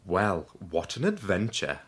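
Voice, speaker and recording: A man voicing a cheerful hotel manager in a slow storybook reading. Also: low-pitched, big pitch swings, slightly rough, exaggerated voice. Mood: jovial.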